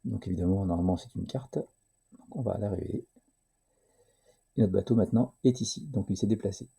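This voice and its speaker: A man presenting a casual board game tutorial, hesitant and full of filler pauses, at times reading the game's text aloud. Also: fairly low pitch, creaky, dark tone, slightly rough.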